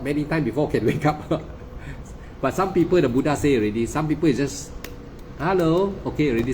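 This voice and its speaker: A man's voice: medium pitch, a little mellow, a little hiss or hum. A man with a Malaysian English accent giving an emphatic, repetitive dharma talk as a meditation teacher, often stammering and restarting. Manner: insistent, lecturing.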